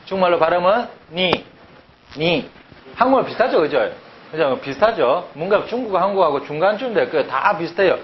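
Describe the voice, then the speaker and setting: A man teaching a language class, lively and drilling words by repeating them with rhetorical questions. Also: sits high, fast. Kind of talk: classroom lecture. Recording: dull lo-fi sound, faint background noise.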